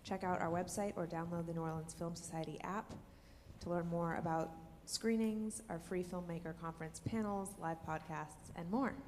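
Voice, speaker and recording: A woman reads polite venue announcements before an event, in a lowish voice. The hall adds long reverb, with a faint room hum behind. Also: fairly even intonation, normal speed, darkish tone. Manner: polite, scripted housekeeping delivery. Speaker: venue manager.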